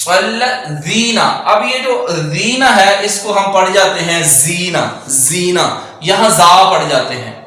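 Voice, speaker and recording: A man teaching Quran recitation. He explains each rule quickly, then recites the verse slowly and draws it out. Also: a little high, a bit bright. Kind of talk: tajweed lesson. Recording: very echoey room.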